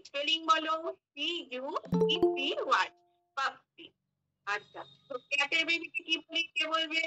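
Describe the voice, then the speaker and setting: A woman's voice: high-pitched, pushed and bright, poor audio. A woman giving a demo class to young pupils, speaking, spelling English words letter by letter and quizzing the class. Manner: spells words letter by letter, asks and answers questions; mixes English phrases into the lesson. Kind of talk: mock classroom teaching.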